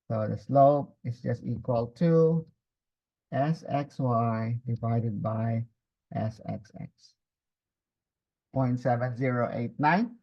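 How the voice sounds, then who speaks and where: Slightly dull, muffled audio captures a man's creaky mid-range voice during a screen-recorded spreadsheet lesson at his computer. He instructs step by step, dictating formulas piece by piece and checking in with learners.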